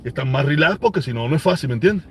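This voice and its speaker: Cuban guy in his 40s on a live stream, high voice, keeps repeating himself for emphasis. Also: lively intonation, racing, a little hiss or hum. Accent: Cuban Spanish. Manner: emphatic, repeats phrases for weight. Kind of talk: casual live-stream talk, reading viewer comments.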